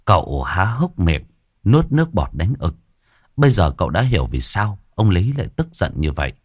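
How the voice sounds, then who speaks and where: A man tells a ghost story in a deep voice, with dramatic storytelling and lively swings in pitch. The recording is close and dry. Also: moderate pace, breathy edge, dry recording.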